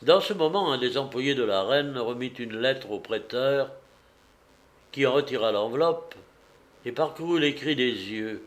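A man's voice: mid-range voice, expressive. Man narrating a historical novel. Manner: measured storytelling. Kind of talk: reading a historical novel aloud.

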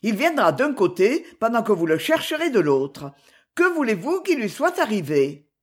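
A woman voicing a calm, resolute older spinster in a storybook reading, brisk and commanding. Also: on the high side, husky. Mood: reassuring.

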